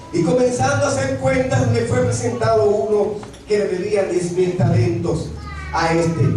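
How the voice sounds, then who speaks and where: High-voiced male preacher in echoey hall. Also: darkish tone, slight background noise. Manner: asks rhetorical questions and answers them himself; reads scripture aloud. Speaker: pastor. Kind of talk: sermon. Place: church sanctuary. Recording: very echoey hall, distant mic.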